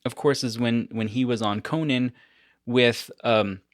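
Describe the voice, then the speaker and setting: A man hosts a podcast in loose, casual conversation. His voice sits at an ordinary middle pitch. He tells his stories with animation, and the recording is dry, with no room sound. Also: measured pace, no echo. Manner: animated storytelling, often breaks into laughter. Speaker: podcast host.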